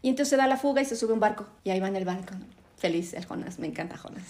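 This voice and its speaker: A middle-aged woman with a Mexican accent teaching a Bible class, an animated storyteller who keeps asking "¿no?". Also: medium pitch, very fast. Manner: animated storyteller, tags lines with "¿no?".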